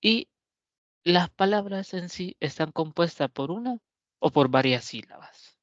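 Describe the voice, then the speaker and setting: Guy teaching a recorded class, calm explaining, keeps checking in, muffled laptop mic. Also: high voice, no echo. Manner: measured, explanatory, frequent "¿verdad?" check-ins. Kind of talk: pre-recorded online lecture. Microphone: laptop or webcam mic, camera switched off. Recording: dry, dull lo-fi recording.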